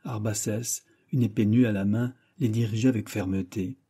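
A male audiobook narrator reads a classic novel in a measured, dramatic way. His voice is very dark and mellow, with a husky edge. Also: on the low side, steady tone. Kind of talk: scripted narration.

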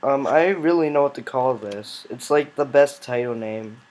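A man's voice: medium pitch, moderate pace, darkish tone. A male gaming host giving casual commentary on a game with friends, teasing and bossy, often breaking into laughs.

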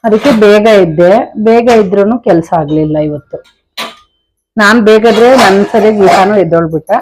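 This young vlogger chats directly to viewers at a normal speed in a medium-pitched voice as she does chores and cooks in her kitchen. The recording is very noisy.

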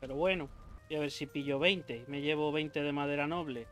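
High-pitched young guy narrating his game, swears a ton, jumpy and loud when stuff attacks, soft music behind. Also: fairly quick. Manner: excitable, swears a lot, yelps when attacked. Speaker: gaming YouTuber. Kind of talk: let's play commentary.

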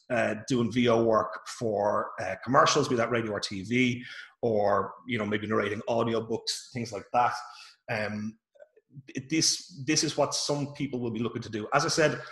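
A man's voice: medium pitch, fairly bright tone, reverberant. A man with an Irish accent giving a casual online workshop from home, talking informally with many fillers and restarts. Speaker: workshop presenter. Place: home room. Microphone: video call.

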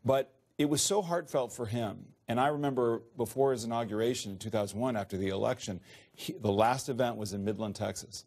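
A man's voice: mid-range voice, fairly quick, a little mellow. A man commenting on a news panel, reflective and sharing anecdotes. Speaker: political commentator. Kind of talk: panel discussion.

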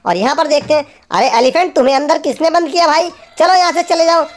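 A woman with a high voice narrates toy play for small children. She talks to each toy in an animated way, by turns scolding and cooing at it. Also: quick pace. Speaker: toy channel host.

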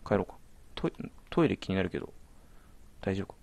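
A man's voice: low-pitched, animated, fast talker, gravelly, very noisy. A man commentating a horror game as he plays, jumpy, alternately exclaiming and muttering to himself. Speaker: let's play commentator.

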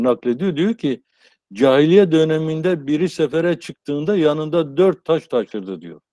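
A man in his sixties giving an informal academic lecture as a professor, explaining haltingly on a video call. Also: medium pitch, warm tone, dry recording. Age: 60s. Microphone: earphone headset on a video call.

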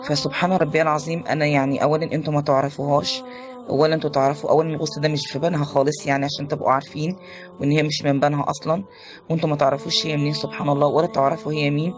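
A woman's voice: low voice, level tone, very fast, music in the background. An Egyptian woman in her forties, a corpse washer, talking in a voice message in a shaken way and repeating pious phrases.

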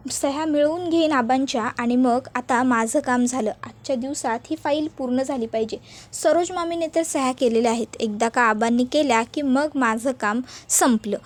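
High-voiced woman retelling a TV serial. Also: a little mellow. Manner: acts out quoted dialogue in changing voices. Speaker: episode recap narrator.

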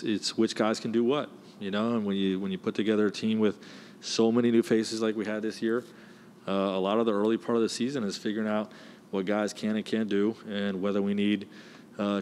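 A man in his forties, a basketball head coach, answering press questions in a measured way with many "you know" fillers, on a desk mic in a press room. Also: on the low side, darkish tone, slight background noise. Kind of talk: postgame press conference answers. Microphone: desk mic, close.

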